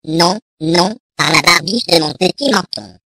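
Reader doing a stubborn little storybook pig, cheeky, bright voice. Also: medium pitch, unhurried, no room sound. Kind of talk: storybook reading.

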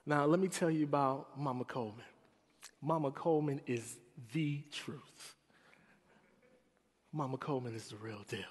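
A man's voice: mid-range voice, normal speed, long pauses, breathy edge. A man from Chicago telling a humorous, confessional story in a chapel sermon. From Chicago, United States. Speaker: chapel speaker. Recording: long hall reverb.

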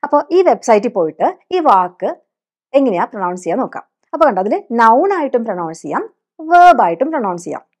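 A woman teacher with a Malayali accent and a slightly high voice. She explains things patiently and keeps asking her listeners questions as she goes. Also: big pitch swings, fairly quick, darkish tone. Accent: Malayali English. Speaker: English teacher. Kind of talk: teaching spoken English.

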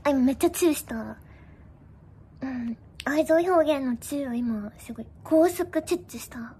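A woman's voice: high voice, normal speed, warm tone. A young woman streamer chatting casually with her viewers, playful and giggly, tossing in bits of English. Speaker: live streamer.

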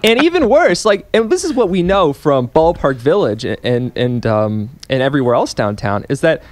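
A man's voice: on the high side, sing-song, normal speed, no echo. A young man in his twenties, a policy analyst guest on a radio show, explaining earnestly and at length with frequent restarts. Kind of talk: radio interview. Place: radio studio. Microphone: studio microphone on a boom arm.

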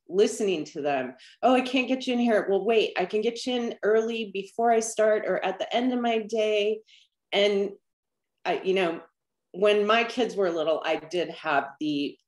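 Woman in her fifties, slow, low voice, echoey room, laptop mic. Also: darkish tone. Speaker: salon owner guest. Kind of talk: casual video call interview. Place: bedroom at home. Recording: echoey room on a video call.

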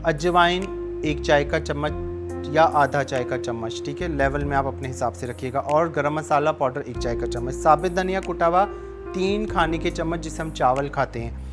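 In a studio kitchen, a man in his thirties hosts a cooking show, his voice on the high side at a moderate pace. He patiently explains each step, switching between Urdu and Sindhi, while taking phone-in calls over background music.

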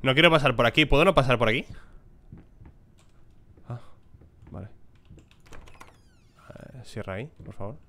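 A man's voice: medium pitch, expressive, normal speed, long pauses, bright, forceful tone, a little hiss or hum. A man, giving casual let's-play commentary on a horror game, chatting to his viewers and swearing freely. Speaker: gaming YouTuber.

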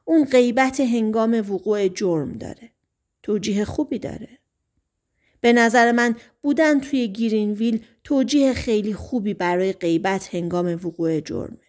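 A woman voicing a skeptical, measured male sheriff in an audiobook, asking slow, doubting questions. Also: mid-range voice, darkish tone, lightly acted.

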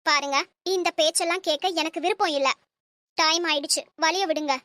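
A woman voicing a cold, defiant young wife in an animated cartoon, speaking in sharp, cutting retorts. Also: extremely high pitch, a little fast, no echo, clean studio sound. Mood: angry, scornful.

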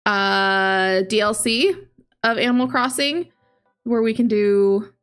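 This video game streamer, a woman in her late twenties, casually addresses viewers and reads chat aloud from her home living area. Speaking close to a large desk microphone with a headset on, her medium-pitched voice is steady, slow, and fairly bright, with soft music in the background.

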